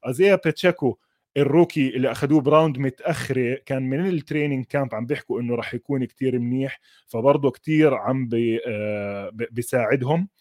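A man's voice: mid-range voice, fast talker, darkish tone. A man with a Levantine Arabic accent giving casual, unscripted sports analysis, mixing English terms into his Arabic. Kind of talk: casual unscripted football commentary.

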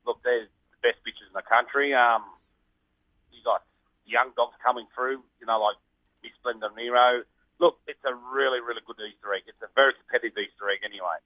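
An Australian man talks casually in an interview, with the plain, colloquial manner of a tradesman. His voice sits at an ordinary male pitch. It comes through a narrow, muffled phone connection with no room echo. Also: fairly even intonation, a little fast. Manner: laid-back Aussie tradesman way of talking, plain and colloquial. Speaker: greyhound trainer, interview guest.

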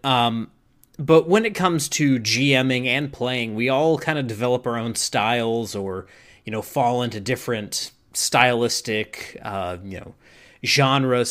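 A man's voice: mid-range voice, a bit bright. Casual male podcast host, dry humor. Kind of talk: casual interview.

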